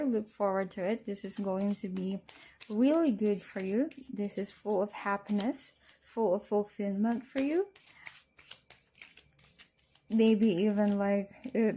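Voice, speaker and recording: A woman's voice: medium pitch, mellow, slight background noise. A woman giving a casual tarot reading, speaking to the listener as a fortune teller. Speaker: tarot card reader.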